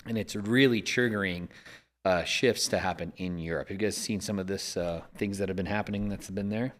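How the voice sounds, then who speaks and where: A man hosting a casual discussion, talking in a measured, reflective way and often restarting his sentences. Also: deep voice, fairly even intonation. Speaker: podcast host.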